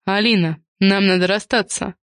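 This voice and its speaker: A woman's voice: mid-range voice, steady tone, normal speed, no echo, studio quality, natural voice. A woman reading a defensive middle-aged husband. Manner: defensive and blunt. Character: cornered middle-aged husband leaving his wife. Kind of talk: audiobook character reading.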